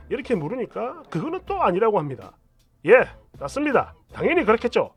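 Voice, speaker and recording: A man reading a listener's story aloud with expressive delivery, shifting between weary mutters and angry outbursts. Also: extremely high pitch.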